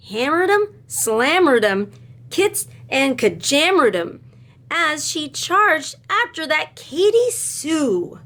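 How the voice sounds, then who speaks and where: A woman with a high, fairly bright voice reads a picture book to children in a teacherly way. She talks straight to them, emphasizing lines dramatically.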